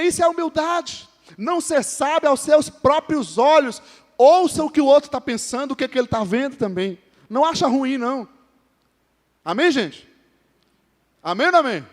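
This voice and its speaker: High-voiced Brazilian pastor in a reverberant church. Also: male voice. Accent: Brazilian Portuguese. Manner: conversational preaching with frequent calls to the congregation; jokes with named members of the congregation. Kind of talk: sermon. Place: church hall.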